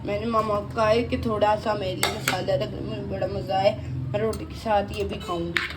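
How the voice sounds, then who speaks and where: A woman with a sore, hoarse voice hosts a casual home cooking video and chats on, looping back to the same filler phrase. She is recorded in a home kitchen, with dishes, pots and cutlery clattering clearly in the background. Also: medium pitch, steady tone, moderate pace, very noisy. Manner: chatty, repeats "jo hai na" often. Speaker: cooking channel host.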